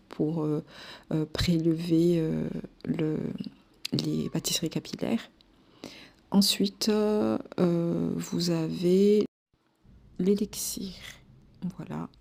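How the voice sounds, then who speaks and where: A woman's voice: lowish voice, gravelly, a little mellow. A young woman vlogging casually about her giveaway, chatty and full of fillers. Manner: chatty, many fillers and repeated "voilà". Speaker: hair care vlogger. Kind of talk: casual vlog presenting giveaway prizes.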